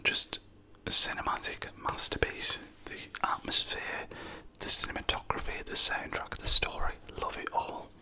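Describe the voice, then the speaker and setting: Whispering softly and without hurry, an adult ASMR creator goes through their personal film collection, with frequent "um" and "yeah" pauses.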